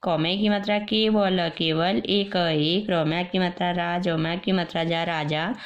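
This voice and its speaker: A woman teacher with an Indian accent reads a children's story aloud, slowly spelling out each syllable and explaining words for young pupils. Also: fairly low pitch, fairly even intonation. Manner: slow, patient letter-by-letter spelling and explaining. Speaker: primary school teacher. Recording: dull lo-fi recording.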